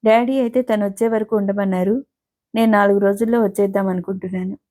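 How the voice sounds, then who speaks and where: A woman voicing a gentle, affectionate young woman who speaks sympathetically in a storybook reading. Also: medium pitch, steady tone, fast talker, close to an everyday voice.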